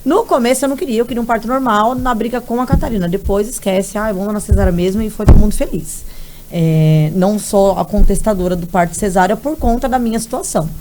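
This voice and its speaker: A fast-talking woman in her thirties tells a personal story in a casual chat. She acts out other people's words and laughs through tears. A steady hiss of noise sits under her voice. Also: medium pitch. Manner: animated storyteller, acts out quotes, tearful laughter. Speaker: podcast co-host. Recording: noisy background.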